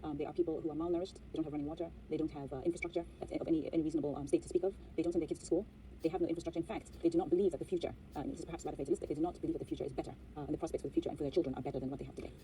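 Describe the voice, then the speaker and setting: A woman from Zambia answers interview questions at a rapid clip, articulate but peppered with ums and uhs. Her voice sits low and dark. The mic is some way off, with a faint hiss behind her. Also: fairly even intonation, far from the mic, rough recording. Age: young adult. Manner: articulate, measured, frequent um and uh. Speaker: author and economist guest.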